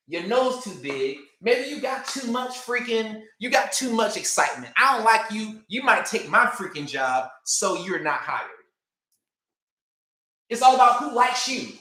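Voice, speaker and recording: A man with a high, bright, forceful voice hammers home his points about credit, repeating himself for emphasis. His voice rings in an echoey room. He slips into other people's voices to make his case. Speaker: credit coach. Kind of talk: motivational talk to camera.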